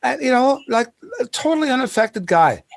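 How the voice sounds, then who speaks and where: High-voiced man telling animated stories. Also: normal speed, gravelly. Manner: animated, laughing storyteller with many restarts. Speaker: podcast host. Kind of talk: casual storytelling chat.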